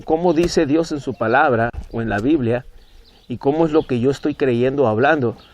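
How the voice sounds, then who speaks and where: A man's voice: on the high side, a little mellow, dull audio. A man teaching from the Bible, emphatic and repetitive, his voice jumping up on key words. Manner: emphatic, rising on key words, repeating phrases. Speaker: preacher.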